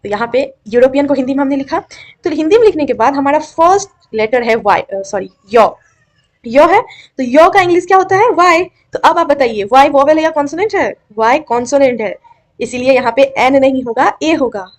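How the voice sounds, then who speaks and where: Young woman, fairly high voice, grammar teacher, exam-prep lesson, coaxing, checks understanding often. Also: lively intonation, brisk, darkish tone.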